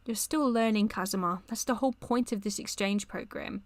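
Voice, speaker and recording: Woman reading out a calm dad lawyer reassuring his kid, dry sound. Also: medium pitch, brisk, no echo, lightly acted. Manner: read aloud from a chat log. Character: older male lawyer father, calm and reassuring.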